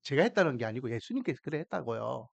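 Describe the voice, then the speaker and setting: Male pastor preaching; emphatic, animated pitch, dry close sound, keeps asking the congregation questions. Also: fast, creaky, no echo. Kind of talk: sermon.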